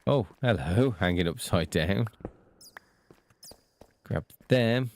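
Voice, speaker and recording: A man casually talking to himself while playing a video game, relaxed and unhurried. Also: on the low side. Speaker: gameplay video host. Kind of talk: casual gameplay commentary.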